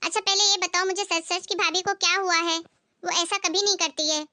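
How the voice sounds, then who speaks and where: A woman's voice: very high voice, steady tone, moderate pace, noisy background. A woman voicing a kind young married woman who talks with concerned insistence in a cartoon story. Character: kind caring young married sister-in-law.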